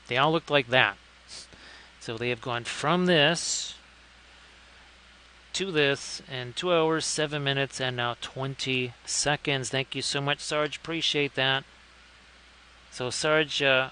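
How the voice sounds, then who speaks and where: A man casually chatting through a live stream, tossing in wry asides and thanking his viewers. His voice is bright and forward at a middling pitch, with a faint room hum behind him. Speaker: live-stream host painting miniatures.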